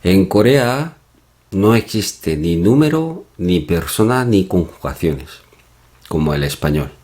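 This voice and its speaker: A man teaching a Korean lesson from slides, explaining slowly with pauses and soft hums. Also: low voice, lively intonation. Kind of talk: slide-based language lesson.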